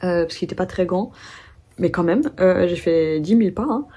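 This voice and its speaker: A woman's voice: lowish voice, moderate pace, mellow, breathy edge. A young French woman chatting casually in a haul vlog, telling stories with many fillers and restarts. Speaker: vlogger.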